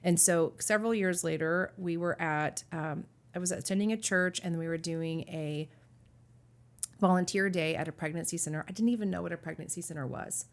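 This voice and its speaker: A woman with a fairly low voice tells her story as a guest in a faith interview. She speaks earnestly and haltingly, restarting her sentences often and leaning on fillers as she works through painful memories. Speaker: guest sharing her testimony.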